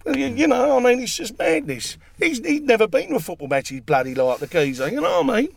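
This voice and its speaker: A man's voice: very high-pitched, big pitch swings, quick pace, creaky. A man in casual football chat, rowdy and jokey, swearing freely. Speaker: football fan pundit.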